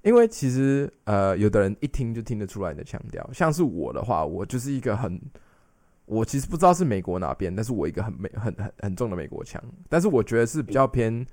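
A man's voice: fairly low pitch, sing-song, quick pace, a little mellow, dry recording, studio quality. A young man, co-hosting a podcast in casual chat, rambling with restarts and English phrases mixed in. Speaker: podcast co-host.

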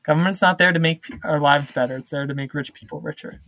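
A man's voice: on the high side, fast talker, bright, forceful tone, dry recording. An American man as a podcast guest, casually debating and explaining his points.

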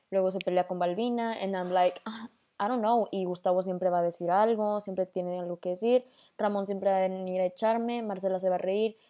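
A woman's voice: mid-range voice, mellow. A young woman with a northern Mexican accent hosting a casual voice-memo podcast, rambling and mixing in English slang. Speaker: podcast host.

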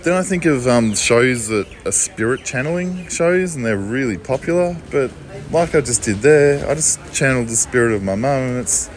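A man's voice: medium pitch, expressive, normal speed. Loose, swearing Australian guy. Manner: profane, loose and laughing. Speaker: vlogger. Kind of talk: rambling walking monologue. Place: walking about, partly in a supermarket. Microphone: phone.

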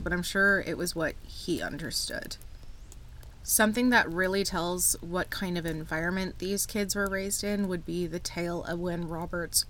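Female true crime narrator for a podcast, slightly low register, scripted storytelling with informal asides, light background noise. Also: a bit bright.

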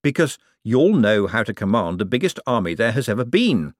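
A man's voice: fairly low pitch, sing-song, normal speed, dry recording, studio quality. Man doing a glib, evasive young con man. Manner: hesitant, wry and evasive.

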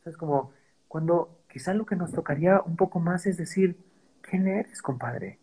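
A man's voice: fairly high pitch, fairly even intonation, normal speed, warm tone, husky, rough recording. A man with a Mexican accent chatting casually as a podcast guest, slangy and profane, constantly tossing in "¿sabes?". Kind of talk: casual conversational storytelling.

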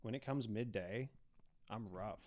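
A man's voice: fairly low pitch, measured pace, a little mellow, no echo. A man chatting casually on a podcast, laid-back and joking, swearing offhandedly. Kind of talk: casual chat. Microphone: studio microphone.

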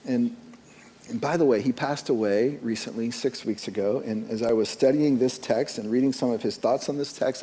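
A man preaching a sermon as pastor, slow and deliberate, dropping soft and then rising with emphasis. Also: medium pitch, husky, long reverb tail.

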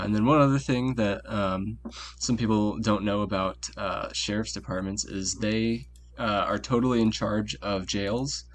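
Low-voiced man explaining over a call. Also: a little hiss or hum. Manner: laid-back explaining with many fillers. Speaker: podcast co-host. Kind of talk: casual chat on a call.

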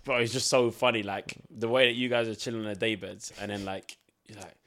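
A man's voice: fairly low pitch, steady tone, brisk, a bit bright. A man in his twenties with a London urban British accent, interviewing in a casual, agreeable, jokey way with plenty of slang. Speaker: interviewer, host.

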